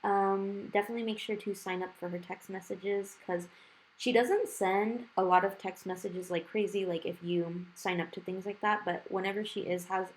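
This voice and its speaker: A woman's voice: medium pitch, steady tone, moderate pace, slight background noise, rough recording. A woman with a lisp that slurs her s sounds, talking in a casual, rambling way as she narrates a nail tutorial. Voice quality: lisp with slushy s sounds from new dental work. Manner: chatty, rambling, informal. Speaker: nail art video creator. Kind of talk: casual chatty tutorial voice-over. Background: music.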